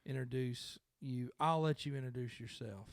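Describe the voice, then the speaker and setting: Gravelly-voiced male podcast host. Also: medium pitch, dry recording, clean studio sound. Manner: halting, self-correcting, joking. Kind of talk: casual conversation. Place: indoor room by a window. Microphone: table mic.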